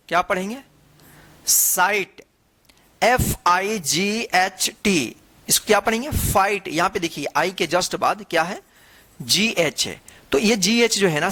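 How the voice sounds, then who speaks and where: Woman, teacher, unhurried classroom drill voice, spells and repeats every word. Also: medium pitch, a bit bright. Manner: drills words, asks and answers her own questions; spells words out letter by letter, slowly. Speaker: English teacher. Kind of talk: classroom-style reading lesson.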